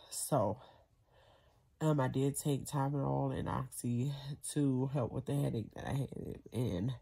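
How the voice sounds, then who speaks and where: An American woman in her thirties with a congested, nasal voice, chatting casually to camera in a tired, halting way while recovering from surgery. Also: extremely low pitch, dark tone. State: recovering from nose surgery with a headache. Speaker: vlogger. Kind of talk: casual vlog chat to camera. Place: bedroom, reclining in bed, indoors. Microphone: camera or phone at close range. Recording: clear background noise, home camera.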